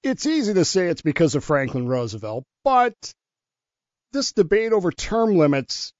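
A man's voice: a little high, darkish tone, no room sound. Male radio guest who explains history and tells stories. Muffled, dry studio audio. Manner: storytelling, explanatory. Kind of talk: talk radio history segment.

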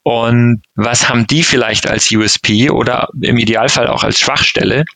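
Male interview guest, gravelly tone, dry close recording, hesitant and reflective, drops English jargon. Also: medium pitch, steady tone, normal speed, pushed and bright, no echo. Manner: thoughtful, hesitant with fillers, mixes in English business terms. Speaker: marketing director interviewed as guest. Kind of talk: conversational interview answers.

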